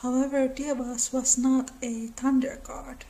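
Her voice sits high with little pitch movement as this thirtysomething Finnish-accented woman explains folklore for her own mythology channel. It's a casual educational talk to camera in a living room by a window, delivered slowly and thoughtfully with soft laughs and small restarts, on a rough recording.

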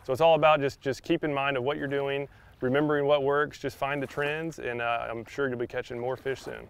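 A young man giving a casual fishing tutorial outdoors on a beach, talking in a relaxed way with many fillers and repeated words. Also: medium pitch, brisk, gravelly, clean tone. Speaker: fishing instructor. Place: sandy shoreline outdoors by open water.

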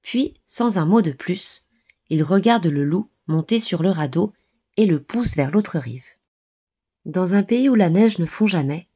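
A woman storyteller narrating bedtime stories for children in a gentle, soothing way. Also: on the low side, husky.

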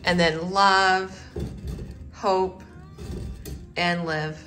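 A woman's voice: fairly low pitch, fairly even intonation, drawn-out words, over music. A woman co-hosting a casual product showcase, agreeing and adding short remarks. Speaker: co-host of a shop sale preview.

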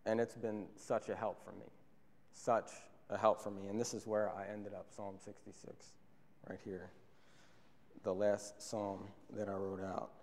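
A young man delivers an earnest sermon from behind a pulpit, speaking into a stand microphone. His voice sits fairly low, and he often repeats a phrase to drive it home. The church sanctuary adds a long, trailing reverb to every word. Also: little pitch movement, a little slow. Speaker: preacher.

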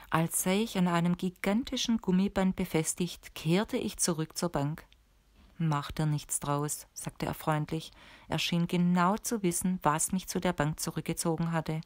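Low-voiced woman reading an audiobook. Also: a little mellow, no room sound. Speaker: audiobook narrator. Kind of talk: scripted first-person narration.

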